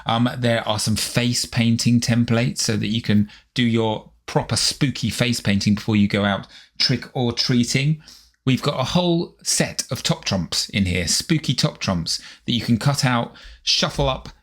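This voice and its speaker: With an unhurried, medium-pitched voice that's a bit bright, a middle-aged man from the UK who tutors and writes for children leads a drawing lesson. He's friendly and chatty, cheering the kids on and addressing them as guys.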